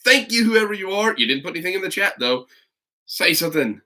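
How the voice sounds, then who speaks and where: High-pitched, fast and animated, this middle-aged man's voice has a bright, forceful tone. Hailing from the United States, he hosts an informal livestream from a home video corner, rambling to viewers and a child while reading stories as a teacher.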